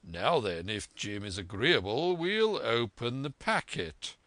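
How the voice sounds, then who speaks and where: A man voicing a calm, measured, dryly authoritative gentleman doctor in a storybook reading, composed and deliberate. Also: medium pitch, no room sound. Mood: decisive. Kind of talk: audiobook character voice.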